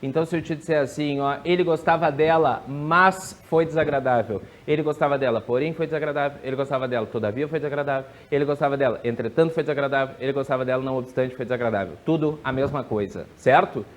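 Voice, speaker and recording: A man with a medium-pitched voice teaches an exam grammar lesson, drilling rules through quick yes-or-no questions and stretching out key words slowly.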